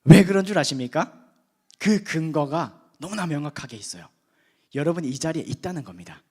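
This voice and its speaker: A man delivering a sermon to a young congregation, with a voice that sits high for a man. He talks casually and swings from loud emphasis to quiet, hushed asides. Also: expressive, fairly quick, breathy edge. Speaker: preacher at a youth worship service.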